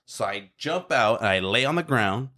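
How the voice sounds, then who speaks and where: A man's voice: mid-range voice, animated, moderate pace, sharp tone. A young man co-hosting a podcast, telling a story vividly and acting out his family's voices. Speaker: podcast co-host. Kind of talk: casual chat.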